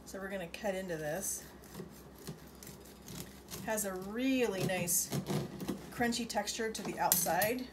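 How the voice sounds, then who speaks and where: A woman's voice: medium pitch, unhurried, long pauses, very noisy. A woman giving a casual cooking demonstration in a kitchen, explaining each step in a chatty, upbeat way. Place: home kitchen.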